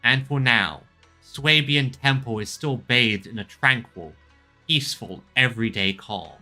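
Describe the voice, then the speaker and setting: Bright-voiced man casually playing a game. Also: medium pitch, a little slow, soft background music. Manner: stumbles over names. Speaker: game player and streamer. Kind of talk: casual commentary while reading game text aloud.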